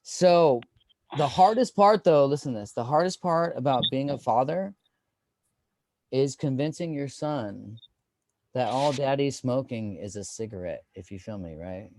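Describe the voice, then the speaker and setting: A man's voice: medium pitch, expressive, unhurried, darkish tone. A man in his thirties doing a stand-up comedy set, rambling and self-deprecating with lots of fillers.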